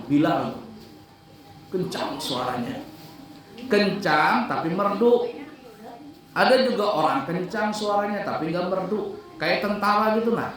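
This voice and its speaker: A man's voice: high-pitched, fairly bright tone. Man teaching, in an echoey room from afar. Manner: explains in plain talk and breaks into sung calls to prayer; asks students whether they understand. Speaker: religious teacher at an Islamic boarding school. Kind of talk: classroom lesson on calling to prayer, with sung demonstrations. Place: classroom hall at a boarding school. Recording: echoey room, recorded from a distance.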